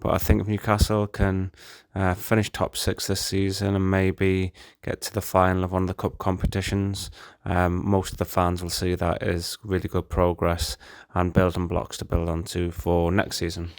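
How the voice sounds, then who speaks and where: Very deep, flat-voiced man in a voice note. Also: no echo, studio quality. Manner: measured, with frequent ums. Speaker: listener sending a voice note. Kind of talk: recorded voice note.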